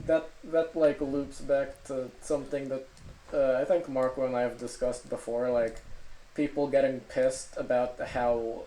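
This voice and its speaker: A co-host rambles through casual comedy podcast banter, hesitant and full of filler words. The voice is dark and mellow, and it sits in a roomy, echoing space on a makeshift mic. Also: mid-range voice, flat delivery, measured pace. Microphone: makeshift microphone, not the usual one.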